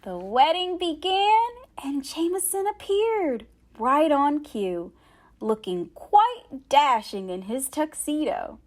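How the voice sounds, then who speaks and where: Reading a picture book to children, this woman speaks with a high-sitting voice at a slow pace. She uses dramatic, expressive phrasing and careful enunciation.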